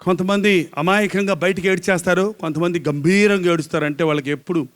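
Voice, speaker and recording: A man's voice: high voice, fairly even intonation, fast, a bit bright. A male pastor preaching a live sermon, full of emphatic rhetorical questions and repetition.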